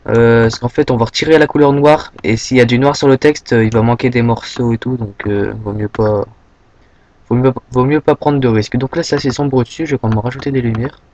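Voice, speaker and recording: A man's voice: mid-range voice, fairly even intonation, a little fast, darkish tone, muffled recording. Casual young Frenchman with many fillers. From France. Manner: rambling, filler-heavy, says "hop" often. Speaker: tutorial maker. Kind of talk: casual screen-recorded software tutorial.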